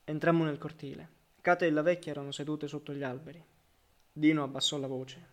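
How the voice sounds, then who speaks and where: A man reading a literary novel aloud as audiobook narrator, measured and reflective, letting phrase endings fall softly. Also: on the high side, level tone.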